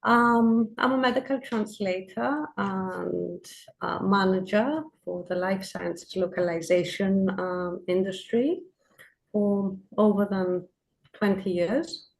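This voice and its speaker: A woman podcast guest from Greece in her forties talks slowly, with a gravelly edge to her voice. She pauses often on uh and um as she describes her work. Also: medium pitch, poor audio. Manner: hesitant, many uh and um fillers. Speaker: podcast guest, project manager. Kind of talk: casual interview answers.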